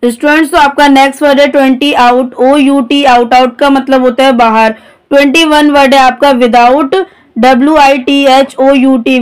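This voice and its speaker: High, smooth-voiced woman teaching vocabulary. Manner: spells each word letter by letter, then gives its meaning. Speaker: English teacher. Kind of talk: vocabulary lesson, spelling out words.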